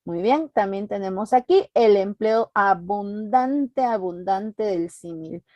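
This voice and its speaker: A woman's voice: mid-range voice, expressive, darkish tone, no room sound, muffled recording. Latin American woman teaching literature. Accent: Latin American Spanish. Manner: asks constant tag questions to check understanding; slows down to stress key terms. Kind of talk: exam-prep literature lesson.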